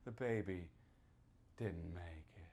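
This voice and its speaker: In a slow, low voice, an author dramatically voices a menacing small-town man narrating a grim tale from his novel. The first-person horror performance for an audience shifts from hushed whispers into shouted outbursts.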